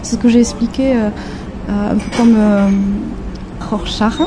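Young woman from the french basque country, halting and casual, keeps searching for words, traffic noise behind her. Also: fairly high pitch, flat delivery. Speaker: graphic designer. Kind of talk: casual interview answers.

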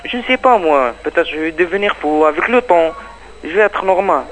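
A man's voice: a little high, expressive, moderate pace, a bit bright, faint music behind, poor audio. A man who learned French as a second language gives a rambling, repetitive, agitated personal testimony about being undocumented. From Palestine. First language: not French. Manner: rambling, repetitive, agitated, non-native phrasing. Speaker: undocumented migrant giving testimony.

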